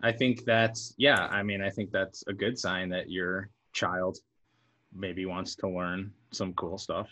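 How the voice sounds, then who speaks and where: A man's voice: deep voice, fairly even intonation, slow, sharp tone. A man co-hosting a casual wrestling podcast, rambling with restarts while he has the hiccups. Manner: rambling, self-interrupting. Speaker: podcast co-host.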